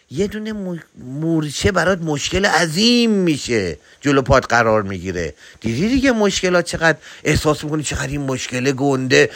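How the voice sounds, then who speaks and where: A man giving an animated spiritual talk, exhorting and addressing the listener directly. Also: sits high, dry recording. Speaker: religious speaker.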